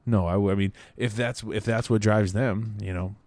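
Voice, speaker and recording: A man in his thirties with a very low, deep voice chats casually, wandering through his thoughts with wry, profane asides. He often restarts his sentences. The sound is dry and close, with no room in it. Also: steady tone, normal speed, darkish tone, no room sound. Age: 30s. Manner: rambling, self-correcting, wry and profane. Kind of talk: casual chat.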